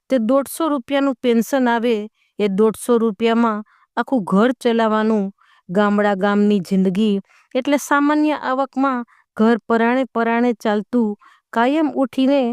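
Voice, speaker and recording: A woman telling a moral story in a gentle, heartfelt manner. Her voice is smooth and clear, pitched a little high, and recorded close with no room echo.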